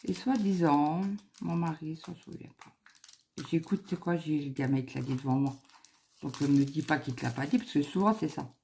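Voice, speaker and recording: A woman's voice: deep voice, normal speed, warm tone, a little hiss or hum. A middle-aged woman chatting casually at home while she crafts, telling a rambling story with lots of fillers. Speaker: craft vlogger.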